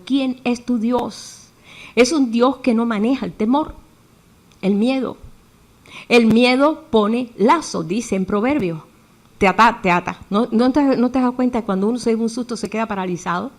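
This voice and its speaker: Lively preaching woman. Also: on the high side, moderate pace. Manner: lively, acts out quoted voices, chuckles while preaching. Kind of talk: sermon.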